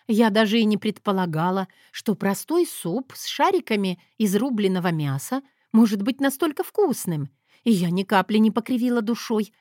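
A woman of middle pitch reads a first-person audiobook in a soft, confiding way. The recording is dry and close, with no room sound. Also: no room sound. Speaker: audiobook narrator.

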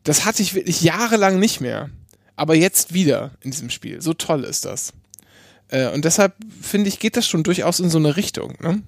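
Chatty man, slightly high voice. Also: big pitch swings, moderate pace, creaky, dry recording, studio quality. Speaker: podcast co-host. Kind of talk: casual podcast chat.

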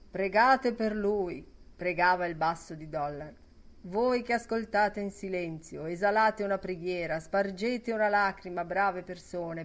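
A woman reading a novel aloud as an audiobook narrator, in lyrical, fragmented phrasing. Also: lowish voice.

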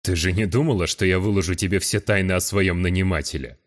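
A male audiobook narrator voicing a taciturn, gruff giant of a man who speaks quietly and with restraint. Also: deep voice, fast. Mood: restrained.

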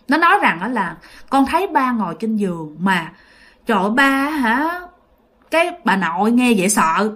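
A woman's voice: a little high, fairly bright tone. A woman who tells ghost stories in a chatty, casual way and talks straight to her listeners. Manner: chatty, addresses listeners directly, many fillers. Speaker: ghost story narrator. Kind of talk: casual storytelling.

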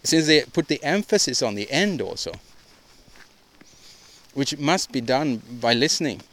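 A man's voice: medium pitch, big pitch swings, a bit bright. Rambling man on a solo podcast. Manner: halting, rambling, frequent restarts and repeated words; opinionated, ranting delivery. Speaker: podcast host.

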